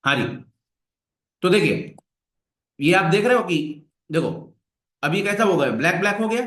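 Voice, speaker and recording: A man's voice: high-pitched, animated, normal speed, fairly bright tone. Echoey coaxing male coding instructor. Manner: coaxing, repeats questions to the class. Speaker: web development instructor. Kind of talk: classroom coding lesson. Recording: echoey room.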